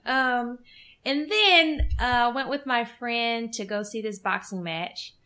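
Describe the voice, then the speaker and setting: A woman podcast guest chatting casually and telling anecdotes in an expressive, giggly manner. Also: on the high side, slow pace.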